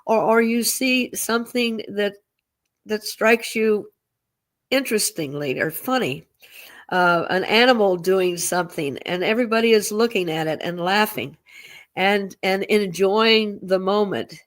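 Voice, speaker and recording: A woman's voice: medium pitch, measured pace. A woman co-hosting a casual chat, speaking reflectively and often repeating words as she gathers her thoughts. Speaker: co-host.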